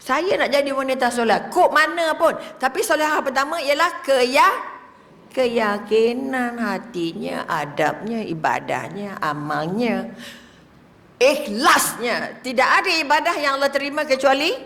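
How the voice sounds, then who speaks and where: An older woman with a Malaysian Malay accent giving a religious lecture, lively, posing rhetorical questions and dropping to whispers to demonstrate prayer. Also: high voice, unhurried. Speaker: religious teacher. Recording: reverberant hall.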